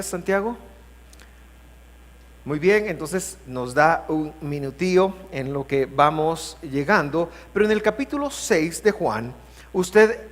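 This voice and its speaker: A man preaching a sermon as pastor, with emphatic delivery that swells louder and higher on key points. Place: church sanctuary. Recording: long reverb of a large church hall.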